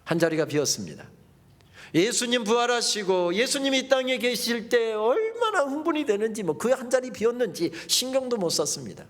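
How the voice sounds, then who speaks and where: Guy pastor with a high voice, lively revival sermon, long church-hall reverb. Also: a little fast. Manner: lively preaching with playful dialect quotes.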